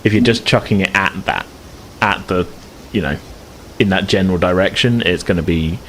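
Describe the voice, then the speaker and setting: Despite a very low pitch, his tone is fairly bright as he runs a tabletop game at a moderate pace, rambling loosely with restarts and fillers. A faint noise lies under his voice and the audio is poor.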